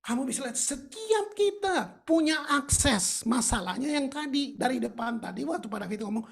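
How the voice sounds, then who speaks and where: A woman's voice: high-pitched, animated, normal speed, gravelly, husky. A woman preaching a sermon in a colloquial, emphatic way, with English phrases mixed in.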